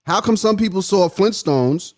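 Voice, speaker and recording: This animated, high-voiced man runs a casual live stream at a moderate pace, laughing frequently as he jokingly quizzes viewers. His manner is playful and teasing, moving between loud and quiet.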